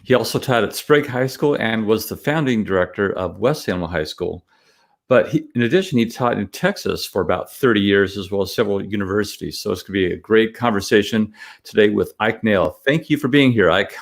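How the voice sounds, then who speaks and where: A man's voice: lowish voice, lively intonation, fairly quick, creaky. A man hosting a conversational interview, introducing and questioning his guest. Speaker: interview host.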